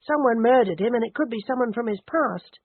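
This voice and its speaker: A woman narrating a brisk, insistent lady detective. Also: fairly high pitch, breathy edge, dry recording, voice pushed up. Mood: firm. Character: brisk, self-assured middle-aged woman detective. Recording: dry, narrowband phone-like audio.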